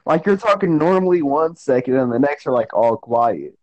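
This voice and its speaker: A young man in casual call chat with friends, playful and mocking, firing off quick jabs. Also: fairly high pitch, lively intonation, darkish tone, muffled recording, slight background noise. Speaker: podcast co-host.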